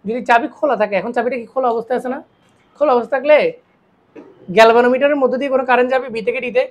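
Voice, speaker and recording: A tired woman lectures a physics class at a quick clip. Her voice sits fairly high, and she keeps firing questions at her students before answering them herself. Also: darkish tone, muffled recording. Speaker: physics teacher. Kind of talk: classroom lecture solving circuit problems.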